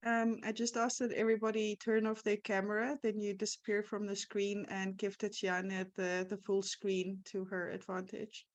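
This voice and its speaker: A woman hosts an online design event over a video call. She talks in a relaxed, easygoing way at a medium pitch. Her voice sounds dry and close to the mic. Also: normal speed, hardly any pauses, no room sound. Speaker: event host. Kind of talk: casual chat.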